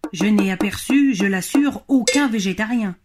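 A woman's voice: mid-range voice, moderate pace, music in the background, lightly acted. A woman voicing a courteous, wary male duck in a storybook, speaking with dry wit.

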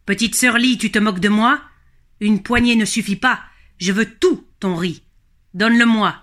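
A woman voicing a greedy, menacing river dragon in a children's storybook, loud and threatening. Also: a little high, fairly even intonation, moderate pace, lightly acted.

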